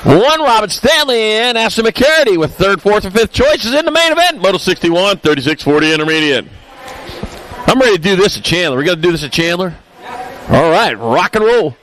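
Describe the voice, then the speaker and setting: A man's voice: sits high, big pitch swings, fairly bright tone, slight background noise, low-quality recording. A man announcing a live race, rattling off rider names and results and tossing in jokey asides. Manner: jokey asides between rapid rider call-outs.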